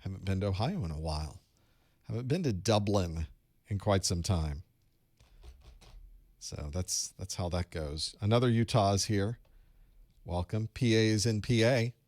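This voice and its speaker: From a home studio room full of electronics, a man hosts a live online study group, chatting casually, teaching, and greeting viewers with light jokes. His lowish voice is a little slow and mellow, with long pauses and no room sound.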